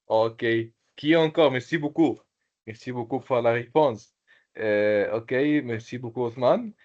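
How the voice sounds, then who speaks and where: A man teaching an online language class, slowly repeating phrases and calling on students by name. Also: medium pitch, a little mellow, lo-fi sound. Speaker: Arabic teacher.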